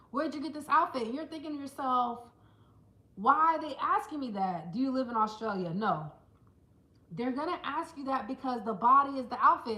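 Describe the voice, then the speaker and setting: A woman vlogger chatting casually to camera, telling stories in an animated way and putting on quick voices for the people she quotes. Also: high-pitched, roomy sound, low-quality recording. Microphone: small handheld camera.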